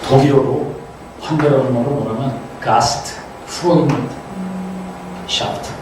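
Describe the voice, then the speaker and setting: A man's voice: medium pitch, moderate pace. A middle-aged man giving a humorous guest lecture full of anecdotes, playfully teasing the audience. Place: auditorium. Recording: echoey hall from far off, noisy.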